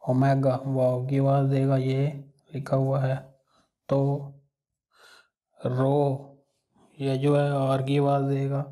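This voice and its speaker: This language teacher is a man with a Pakistani Urdu accent, working through the alphabet without hurrying. He speaks at medium pitch in a dark, mellow tone with a completely flat delivery, repeating each sound patiently.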